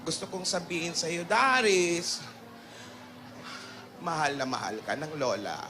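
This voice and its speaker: A man playing Lola Tinidora, a soft-hearted granny. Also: fairly high pitch, animated, takes it slowly, noisy background. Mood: tender. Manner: mixes Tagalog with broken English, sweet and pleading. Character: doting elderly grandmother, tender and sentimental. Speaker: comedian in a live TV segment. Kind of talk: comedic live TV skit. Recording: music playing behind.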